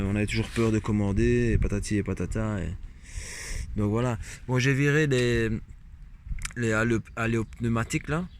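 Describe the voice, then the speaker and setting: A man's voice: lowish voice, slight background noise. A man with a Belgian French accent chats casually through an unboxing video. He jokes, rambles and throws in lots of "hop" and "hein" as he talks. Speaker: vlogger. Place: outdoors in cold wind.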